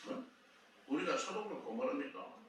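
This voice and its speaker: Male pastor, sermon delivery, bright higher voice, heard from a distance in an echoey church with faint noise. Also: normal speed. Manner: animated storytelling, acting out dialogue.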